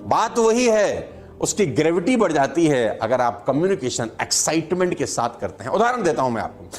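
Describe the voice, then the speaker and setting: A man giving a motivational talk on communication to his viewers, acting out quotes with big swings in his voice. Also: normal speed. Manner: animated, acts out quotes with big pitch swings. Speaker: motivational speaker.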